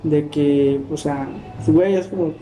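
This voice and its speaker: A man's voice: on the high side, steady tone, measured pace, warm tone, faint music behind, low-quality recording. A man with a Mexican accent hosting a casual podcast chat, rambling and full of slang and fillers. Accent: Mexican Spanish. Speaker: podcast host.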